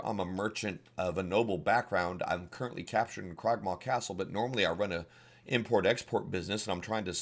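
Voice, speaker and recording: A man's voice: sits low, creaky, fairly bright tone, exaggerated voice. A man voicing a merchant of noble background introducing himself plainly.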